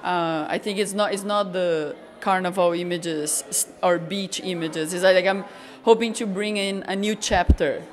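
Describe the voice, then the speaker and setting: In a bright gallery, a Brazilian woman photographer discusses her work in a voice on the low side. She's thoughtful and often pauses to search for the right word. An interviewer holds out a handheld mic to capture her.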